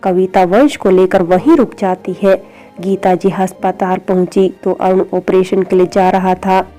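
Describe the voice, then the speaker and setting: A woman's voice: medium pitch, steady tone, unhurried, warm tone, faint music behind. A woman reading an emotional family story aloud in a scripted, melodramatic narration.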